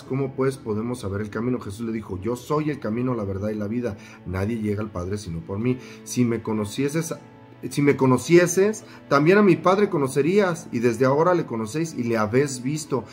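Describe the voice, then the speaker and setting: A man preaching a sermon, reading scripture aloud, repeating phrases for emphasis and putting questions to his listeners. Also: medium pitch.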